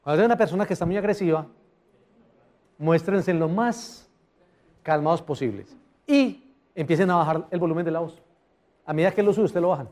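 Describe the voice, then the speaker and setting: A man speaking at a live customer service seminar, his pitch a little higher than most men's. He talks in an animated way and keeps asking the audience questions. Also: fairly quick, pauses often. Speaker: motivational speaker.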